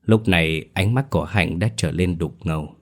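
A man narrating a scripted horror story in a measured, steady storytelling manner. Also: sits low. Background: soft background music.

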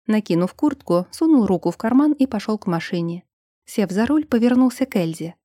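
A woman narrating a novel in a measured, even audiobook reading. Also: medium pitch, no echo, studio quality.

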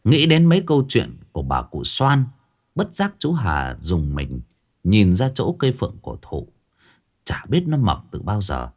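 A man narrates a ghost story in a folksy way. His pitch rises and falls in a lively way. He keeps a homely, storytelling tone. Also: measured pace, breathy edge.

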